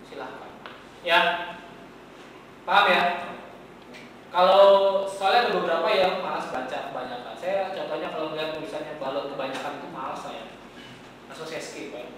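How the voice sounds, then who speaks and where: A man's voice: fairly high pitch, normal speed, long pauses, a bit bright, slight background noise. A man teaching a classroom lesson in a chatty way, often quizzing his students. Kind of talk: classroom lecture. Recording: echoey classroom from far off.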